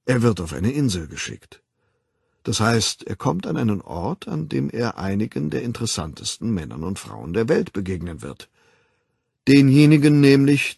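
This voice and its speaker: A man voicing a calm, worldly male ruler who lectures in a measured, ironic way, in an audiobook. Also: fairly low pitch, gravelly, slightly rough, dry recording, clean studio sound, heavily acted.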